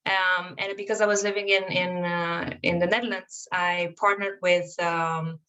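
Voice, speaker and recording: A woman's voice: fairly low pitch, little pitch movement, measured pace, bright, forceful tone, rough recording. A woman giving an online presentation with slides, speaking hesitantly with many fillers. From Romania. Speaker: guest speaker, fashion brand founder.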